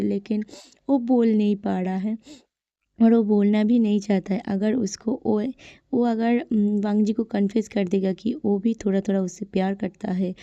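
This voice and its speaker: A woman's voice: mid-range voice, mellow, no room sound. A woman casually retelling the story of a romance drama, chatty, with frequent fillers and tag questions. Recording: dull, dry lo-fi recording.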